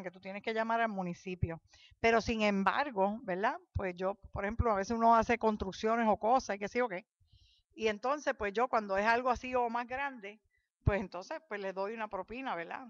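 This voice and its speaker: A woman's voice: on the high side, fairly bright tone, no room sound, highs cut off. A woman in a church class chatting about her experience, with many fillers and retold conversations. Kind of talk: casual testimony in a church class.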